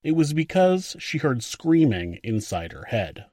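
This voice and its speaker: A man hosting a true crime podcast, reading a scripted narration in a measured way and commenting on the evidence. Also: medium pitch, very animated, darkish tone, no echo, studio quality.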